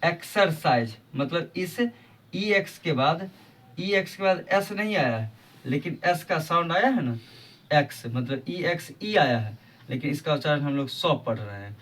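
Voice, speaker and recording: A man's voice: fairly high pitch, lively intonation, measured pace, fairly bright tone, distant mic. A man teaching English pronunciation rules on his video channel, patiently repeating each example and asking rhetorical questions. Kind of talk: explaining a lesson on his channel.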